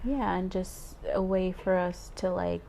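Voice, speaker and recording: A young woman in her twenties with a somewhat low voice chats easily as a podcast co-host. She laughs often and fills her pauses with "um" and "like." A faint hiss sits under the recording. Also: fairly even intonation, dark tone. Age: 20s. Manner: giggly, chatty, frequent "um" and "like". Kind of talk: casual chat.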